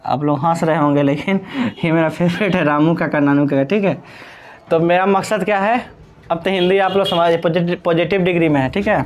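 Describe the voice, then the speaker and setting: Teaching English grammar in Hindi, a man with a somewhat high, steady voice patiently repeats each point and keeps asking if the class follows. He dictates examples slowly, word by word, and fondly calls students "Babu".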